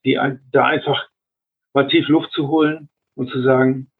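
An older man, a retired airline captain, giving measured advice in an interview, often restarting his sentences. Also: mid-range voice, level tone, husky. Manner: measured, advisory, frequent restarts. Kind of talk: reflective interview answers. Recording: narrow phone-like line.

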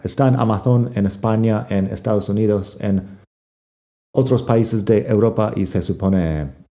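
A man teaching English vocabulary, reading example sentences slowly twice and translating them. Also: fairly low pitch, mellow. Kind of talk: vocabulary lesson.

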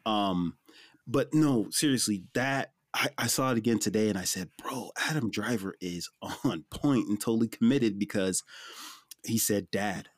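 A man's voice: on the low side, normal speed, no echo, clean studio sound. A man co-hosting a casual movie podcast, enthusiastic and emphatic, laughing often. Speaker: podcast co-host.

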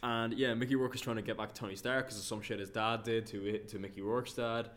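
A man's voice: fairly low pitch, little pitch movement, fast talker, fairly bright tone, a little hiss or hum. A man co-hosting a casual film review chat, rambling and swearing freely. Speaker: podcast co-host.

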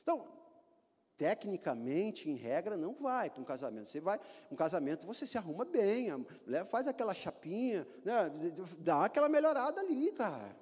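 A man's voice: high voice, sing-song, moderate pace, a little mellow, slightly rough. A man preaching a sermon to a church, folksy and joking, climbing into emphatic bursts. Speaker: pastor. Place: church hall. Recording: long church reverb.

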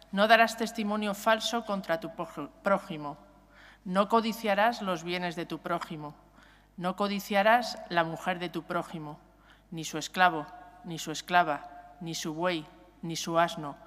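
A lector reading scripture at Mass in a clear, formal way. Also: medium pitch, a bit bright. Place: large church. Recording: long church reverb.

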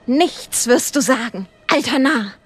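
A woman's voice: a little high, moderate pace, pitched above the performer's own voice, lightly acted. A woman voicing an obsessed, scornful man who speaks in a raised, strained voice.

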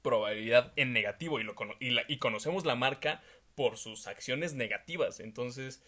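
A man with a Mexican accent, co-hosting a casual discussion in a relaxed, conversational way. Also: mid-range voice, normal speed. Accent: Mexican Spanish. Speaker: podcast co-host.

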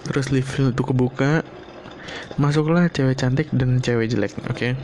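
A man rambles through a casual solo monologue, loose and sprinkled with swearing. His voice is mellow and sits at a middle pitch. A faint noise hums behind him in a home room. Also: steady tone, normal speed. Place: home room, not a studio.

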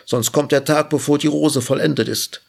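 A man's voice: fairly high pitch, fairly even intonation, normal speed, vocal fry, breathy edge, voice pushed up. Man reading an urgent talking rose bush.

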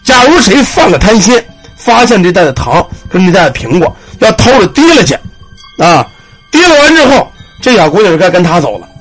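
A man voicing a weary old village herbal doctor who keeps the local temple, speaking gravely and slowly. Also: high-pitched, big pitch swings, fairly bright tone, faint music behind, heavily acted. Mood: instructing.

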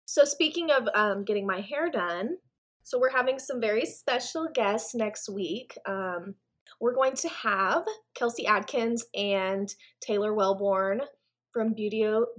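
A woman's voice: medium pitch, unhurried. A young woman co-hosting a casual podcast, chatty, laughing often and swearing casually. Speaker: podcast co-host.

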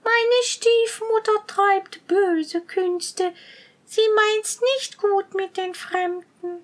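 A woman voicing a gentle young girl who speaks sorrowfully and softly. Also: very high-pitched, steady tone, extremely slow, voice pushed up, full character voice. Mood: sad. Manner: sorrowful, soft.

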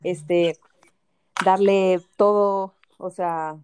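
A woman's voice: lowish voice, steady tone, very slow, a little mellow, clear, resonant tone, dry recording. A young woman with a Mexican accent casually telling a personal story, full of fillers and English words. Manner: chatty, fillers like o sea and este, English words mixed in.

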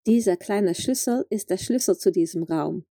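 A woman reading the lines of a rich, menacing husband in a storybook, in slow, measured commands and a mellow voice. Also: medium pitch, no echo, studio quality, lightly acted. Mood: stern. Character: Bluebeard, rich menacing grown man.

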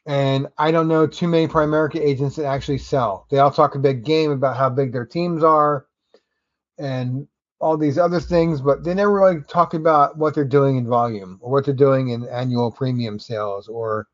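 A man's voice: on the high side, dry recording, muffled recording. A man hosting a solo podcast, talking in a casual, rambling, conversational way with wry asides. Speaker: podcast host.

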